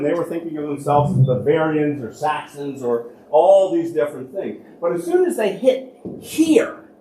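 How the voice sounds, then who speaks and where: In a large church hall with a roomy echo, an American man who serves as church archivist lectures a congregation on local history in a relaxed, chatty way. His voice is somewhat high for a man, and he tends to pose questions before supplying the answers. A little hiss or hum sits under the recording.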